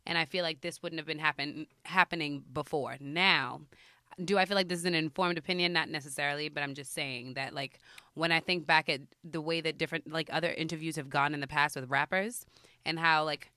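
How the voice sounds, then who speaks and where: Mid pitch, smooth clear voice, dry sound, hedging, filler-heavy, casual chat. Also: fairly even intonation, fairly quick, sharp tone, no echo. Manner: hedging, thinks aloud with many "like"s. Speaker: podcast co-host.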